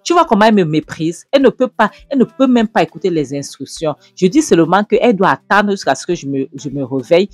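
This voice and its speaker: A man's voice: sits high, animated, fast, few pauses, no echo, pitched above the performer's own voice. Brief: a smug, contemptuous husband, drawling mockery, voiced by a male narrator. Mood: complaining. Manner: complaining, mocking.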